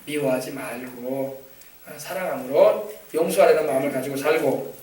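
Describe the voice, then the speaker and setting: A man's voice: mid-range voice, normal speed, darkish tone. A male pastor preaching a sermon, exhorting his congregation and prompting them to answer, often repeating phrases for emphasis. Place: church sanctuary. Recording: echoey church hall from far off.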